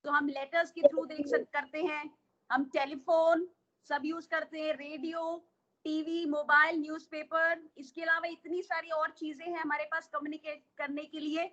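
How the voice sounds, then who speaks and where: A woman's voice: high-pitched, sharp tone, dull audio. A woman coach with an Indian accent teaching an online workshop, explaining patiently and asking the listeners questions.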